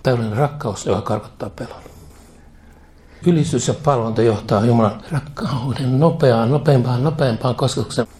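A man's voice: mid-range voice, darkish tone. Guy preaching, fervent, says every prayer line twice, drops casual asides. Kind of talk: sermon with spoken prayer.

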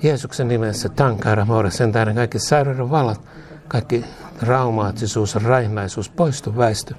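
A man's voice: mid-range voice, steady tone, a little mellow. A male preacher praying aloud and speaking in tongues, chanting repeated syllables and commanding in fervent prayer.

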